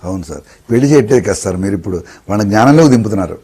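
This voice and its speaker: A man's voice: lowish voice, animated, very fast, mellow, husky. A man interviewing in a deferential, agreeable manner, often answering with a respectful sir. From India. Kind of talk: casual chat.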